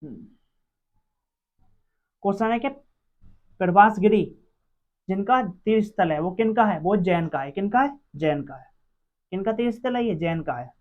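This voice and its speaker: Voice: medium pitch, lively intonation, moderate pace, pauses often. Dull-sounding teacher drilling quiz answers. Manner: asks each question aloud, then answers it, repeating it several times. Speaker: exam-prep history teacher. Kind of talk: exam-prep quiz lesson. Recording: dull lo-fi recording.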